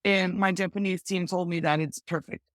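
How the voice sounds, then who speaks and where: On a podcast, a female guest shares hands-on e-commerce tips with chatty enthusiasm and plenty of "like" fillers in a casual, advice-giving interview. She speaks fairly quickly in a fairly low, steady voice, recorded with clean studio sound and no echo.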